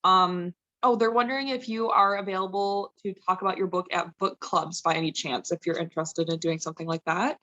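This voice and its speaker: A woman's voice: fairly low pitch, steady tone, fairly quick, few pauses, sharp tone, dull audio. A woman moderating an online book launch, reading out audience questions. She talks in a chatty, upbeat way and uses a lot of "like" fillers. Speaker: bookstore event moderator. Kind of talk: casual chat hosting an online book launch.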